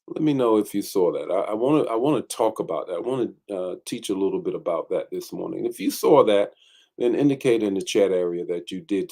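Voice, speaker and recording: A man's voice: sits low, dark tone. A man hosting an online morning teaching as bishop, greeting viewers by name and talking with many fillers.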